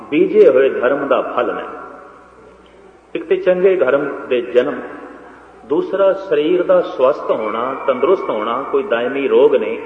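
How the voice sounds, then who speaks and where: A male Sikh preacher addresses his congregation in a lively, sing-song delivery, pressing his points with repetition. The sound is dull and lo-fi, with a long hall reverb trailing each phrase. A faint hiss sits underneath. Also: medium pitch. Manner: emphatic, repetitive, swings loud and soft. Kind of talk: religious discourse to a congregation. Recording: echoey dull lo-fi hall recording.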